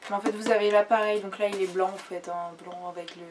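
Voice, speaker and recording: A woman's voice: mid-range voice, fairly even intonation, quick pace, a crowd in the background. A young woman chatting casually while reviewing skincare products, rambling with many fillers and restarts, sitting on her bed. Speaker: beauty vlogger. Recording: distant camera mic with faint room noise.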